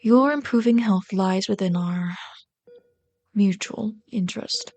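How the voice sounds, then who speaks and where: In an ASMR audio roleplay, a woman voice actor plays a bitter yet caring villain rat queen tending a captive sidekick. Her medium-pitched, natural voice moves at a measured pace, firm and clinical in mood. She sounds scolding, sardonic and exasperated, dropping at times into hushed asides.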